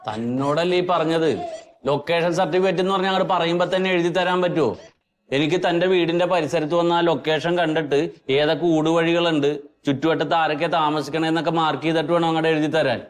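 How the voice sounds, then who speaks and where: An actor playing an impatient village office official who lectures a visitor and orders people out. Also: male voice, fairly high pitch, fairly even intonation, fast talker, a little hiss or hum, natural voice. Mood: lecturing. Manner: curt, lecturing, bossy.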